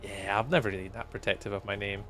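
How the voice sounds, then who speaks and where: Playing a game on stream, a fortysomething Scottish man talks casually with his viewers, wandering off topic with plenty of ums and chuckles. He speaks at a racing clip in a fairly low, steady, sharp-toned voice over faint music.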